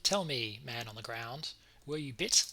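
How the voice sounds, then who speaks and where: A man voicing a gentle, worried male unicorn in a visual novel, speaking softly, haltingly and earnestly. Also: medium pitch, animated, exaggerated voice. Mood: grave.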